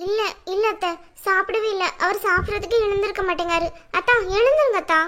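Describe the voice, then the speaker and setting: A woman's voice: very high-pitched, fast. A woman voicing a scheming young woman in a cartoon drama, who coaxes and pleads sweetly. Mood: coaxing.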